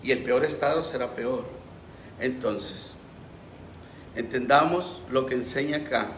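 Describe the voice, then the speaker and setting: A man's voice: mid-range voice, unhurried, a little hiss or hum. A pastor preaching a sermon with passion, acting out the voices he quotes. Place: church. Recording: roomy echo.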